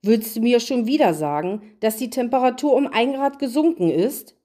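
A fussy fairy-tale queen who gives orders briskly and imperiously, played by a woman reading the story. Her voice is mellow and dark, set a little above her narrating tone. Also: on the high side, animated, voice pushed up. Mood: vexed.

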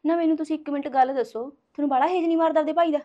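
A woman's voice: high voice, steady tone, rapid-fire, dark tone, dull audio, natural voice. An actress playing a jealous, nagging young wife who scolds her husband, in a short drama. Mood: scolding. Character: sharp-tongued young wife, jealous of family.

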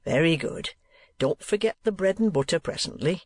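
A man voicing a greedy, sanctimonious middle-aged schoolmaster in a storybook reading, with an oily, drawn-out, preachy delivery. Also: high-pitched, expressive, dry recording, clean studio sound, pitched above the performer's own voice.

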